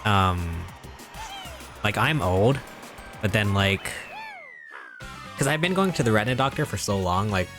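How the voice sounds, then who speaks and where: Low-voiced young man joking on stream. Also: animated, a little slow, pauses often, music in the background. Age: 20s. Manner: rambling, mock-serious joking with frequent chuckles. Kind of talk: casual live-stream chat while gaming.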